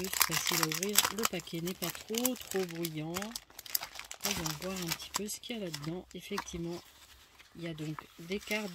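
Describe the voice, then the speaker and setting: A woman's voice: on the low side, heavy background noise. A woman giving casual unboxing commentary on her craft purchases, chatty and hesitant, thinking aloud with many fillers. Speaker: craft vlogger showing a haul. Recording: loud crinkling of packaging and clicks.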